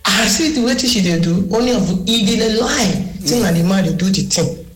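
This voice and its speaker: A woman's voice: medium pitch, lively intonation, normal speed, roomy sound. A woman with a Nigerian Pidgin accent tells a personal story in a recorded voice message played on a radio show. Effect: recorded voice message played on air. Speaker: radio listener sending a message.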